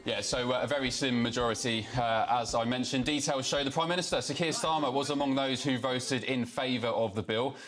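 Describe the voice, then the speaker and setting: A man hosting a live-stream, reading out viewer comments and news in a relaxed way with many fillers. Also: mid-range voice, brisk, hardly any pauses, faint music behind.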